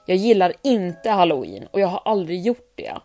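A woman reading aloud, voicing a frightened young man who is a timid office worker, with panicked outbursts that turn tight and flat. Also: on the low side, soft background music. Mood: tense.

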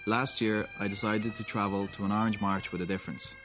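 A man reading scripted documentary narration in a measured way. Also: lowish voice, little pitch movement, music in the background. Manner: measured, clear delivery. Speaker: reporter, narrator.

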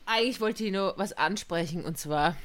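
Blunt woman podcast co-host, lowish voice. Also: normal speed. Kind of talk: casual chat.

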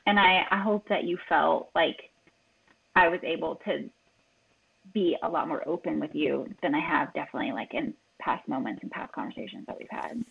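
A woman's voice: low voice, normal speed, gravelly, breathy edge. A woman guest talks earnestly, giving direct and heartfelt advice. Her voice comes through a thin, tinny phone line. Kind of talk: casual chat.

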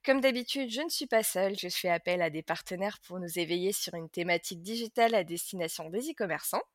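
A woman's voice: lowish voice, quick pace, no echo, studio quality. A woman hosting a casual podcast interview, talking with many fillers and restarts. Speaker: podcast host, marketing manager.

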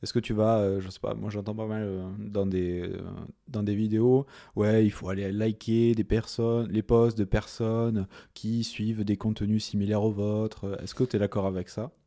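A man hosting a casual podcast interview who asks relaxed, chatty questions and recaps the guest's points. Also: lowish voice, normal speed, hardly any pauses. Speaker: podcast host.

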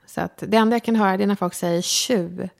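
A woman's voice: medium pitch, steady tone, gravelly, a little mellow. A Swedish woman with a slight lisp and a faintly upper-class Stockholm accent, talking frankly and directly in a casual conversation. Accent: Stockholm, slightly upper-class tinge. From Sweden. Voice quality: slight lisp, speaks far forward in the mouth. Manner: direct, frank, self-deprecating. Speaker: guest, designer and lecturer.

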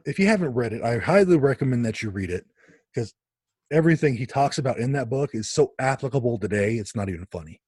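Man, podcast guest, husky dry voice, animated storyteller who restarts his sentences. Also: mid-range voice, no echo. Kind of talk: conversational storytelling.

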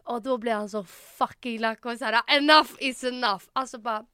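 A woman's voice: fairly high pitch, steady tone, fairly bright tone, clear, resonant tone, no echo. A young Swedish-speaking woman co-hosting a podcast, telling a story animatedly in casual chat and acting out the quotes. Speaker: podcast co-host.

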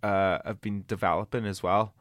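A man's voice: fairly low pitch, fairly even intonation, moderate pace, a bit bright, no room sound. Casual male interviewer, dry sound. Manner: informal, mild swearing, opinionated. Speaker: interviewer and show host.

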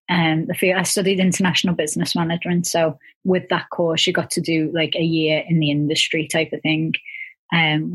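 A woman talks through her career as a podcast guest. Her voice is slightly low and husky, and she speaks in a relaxed, chatty way with plenty of fillers. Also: low-quality recording. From Liverpool, England. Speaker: guest entrepreneur. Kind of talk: casual interview.

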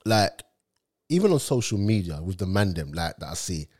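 His low voice swings widely in pitch, with a darkish tone and moderate pace. He's a matey, slang-heavy London street-accented interviewer running a casual football chat.

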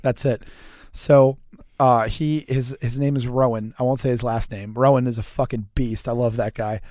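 A man with a hoarse, crackling voice like a drill instructor's, bantering bluntly and profanely as a podcast co-host. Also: mid-range voice, steady tone, normal speed, a little mellow, no echo, studio quality. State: hoarse from recently losing his voice.

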